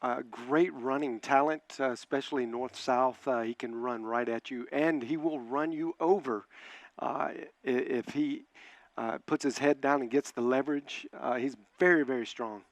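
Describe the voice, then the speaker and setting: A man's voice: mid-range voice, steady tone, normal speed, no room sound. A man giving football color commentary in a broadcast booth, plain-spoken and hesitant, with many filler sounds.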